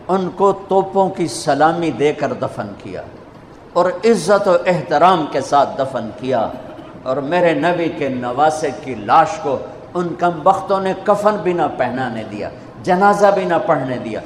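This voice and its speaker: A man's voice: a little high, expressive. A man preaching a sermon, telling a story with emotion and rising to fervent emphasis. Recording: echoey hall reverb, faint background noise.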